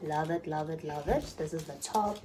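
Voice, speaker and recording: Her voice is deep and mellow, moving at normal speed, with a little hiss or hum underneath. She's a vlogger chatting casually through a bedroom haul, repeating phrases and slipping into Zulu, recorded on a phone camera at arm's length.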